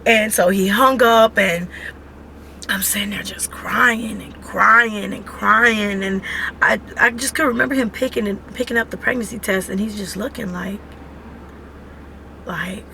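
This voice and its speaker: A woman tells a story in a lively, chatty way, packed with fillers. Her voice is bright and clear, at a middle pitch. A faint hum sits behind her. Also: a little slow. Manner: animated, chatty, many fillers. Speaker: vlogger, mother. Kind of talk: casual storytelling.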